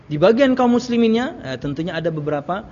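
Speaking quickly and expressively in a high, darkish voice, a man gives a religious talk to a congregation. He's an Islamic preacher who repeats phrases, asks rhetorical questions and weaves in anecdotes, captured in a muffled, echoing hall.

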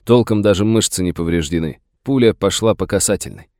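A man's voice: low-pitched, fairly quick, warm tone, no room sound, clean studio sound. A man voicing a curt, commanding frontier sheriff who gives clipped orders. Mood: stern.

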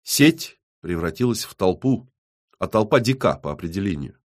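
A man narrating an audiobook in a measured, even reading. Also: sits low. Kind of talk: scripted narration.

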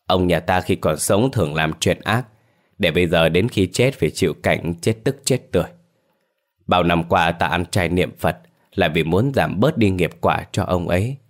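A man's voice: low voice, normal speed. A man voicing a stern middle-aged mistress of a rich household, speaking sharply to servants. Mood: resigned. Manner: sharp and scolding toward servants.

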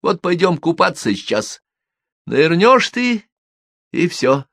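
Man voicing a gravelly gang boss in an audiobook, slow, threatening, dry close sound. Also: fairly high pitch, sing-song, a bit bright, no echo, voice pushed up, heavily acted. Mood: menacing. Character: menacing middle-aged male gang boss.

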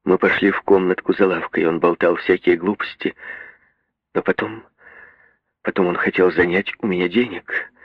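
A man voicing a proud young woman, prim and icy in manner, who breaks into sobbing, shrill outbursts, in a literary reading. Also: level tone, moderate pace, slightly rough, no echo. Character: proud young woman, stiff, then hysterical. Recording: dull, muffled radio recording.

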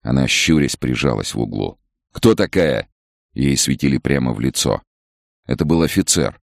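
A man narrating an audiobook in a measured, dramatic reading. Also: very deep voice, animated, creaky, dry recording, studio quality. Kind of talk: scripted narration.

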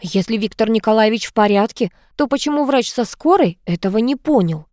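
A woman's voice: on the high side, expressive, fairly quick, darkish tone, dry recording, clean studio sound, pitched above the performer's own voice, close to an everyday voice. A woman voicing a sullen, skeptical woman who mutters. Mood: grumbling. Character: sullen woman, grumbling and doubtful.

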